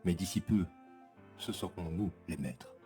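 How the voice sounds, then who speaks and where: A man's voice: low voice, measured pace, dark tone, breathy edge, faint music behind, heavily acted. A man voicing a rebellious machine that threatens its users, his speech run through a flanger for a half robot voice with a hollow, metallic whoosh. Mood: menacing. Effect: half robot voice from a flanger filter. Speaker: video editing tutor.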